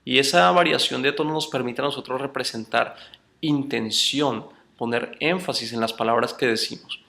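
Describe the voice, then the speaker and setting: Male instructor with a bright, gravelly voice, teaching patiently and calling his students brothers. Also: medium pitch. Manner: addresses students as brothers, explains slowly with spoken examples. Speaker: course instructor. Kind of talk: recorded online lecture.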